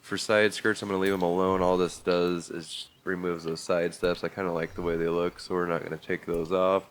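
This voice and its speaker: This gaming video host has a low-pitched, flat voice and a brisk delivery as he walks through a racing game vehicle build. Despite being stuffed up from a bad cold, he stays easygoing and methodical, using fillers along the way.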